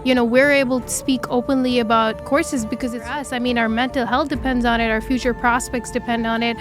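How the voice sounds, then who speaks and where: A woman in her twenties from Dubai, a startup founder telling her story in an interview, earnest and animated with frequent fillers. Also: a little high, brisk, over music. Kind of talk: interview conversation.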